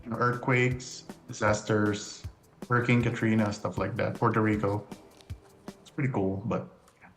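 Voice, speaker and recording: A man's voice: lowish voice, fairly even intonation, normal speed, faint music behind. A young man from upstate New York, a quiz contestant talking casually about himself in a laid-back way with frequent chuckles. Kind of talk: casual interview chat. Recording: roomy echo.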